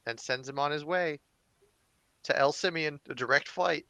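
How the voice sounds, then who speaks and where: A man's voice: a little high, creaky, bright, forceful tone, no room sound, highs cut off. A man co-hosting a casual podcast, jumping in with jokey quips about a movie. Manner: jokey, quick interjections. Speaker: podcast co-host. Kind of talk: casual movie review chat.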